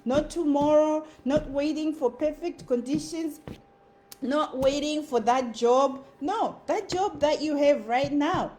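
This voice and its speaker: Slow and high-pitched, with a darkish tone, this woman speaks with a Zimbabwean accent. She's a content creator giving a heartfelt motivational talk, reinforcing each point by repeating short phrases.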